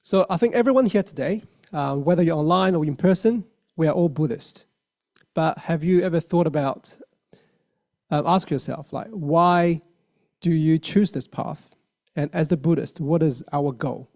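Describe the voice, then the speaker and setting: A man's voice: on the high side, moderate pace, darkish tone. A man in his thirties from China with a Mandarin accent, giving an earnest dharma talk with many fillers and restarts. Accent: Mandarin Chinese. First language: Mandarin Chinese. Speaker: lay Buddhist speaker.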